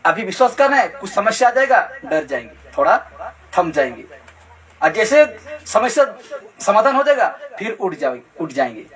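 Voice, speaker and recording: A man's voice: high-pitched, sing-song, moderate pace, long pauses, a bit bright. A male preacher giving a Bible sermon, quizzing his congregation and repeating his key points, with light laughs between them. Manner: keeps asking the congregation questions, repeats key phrases.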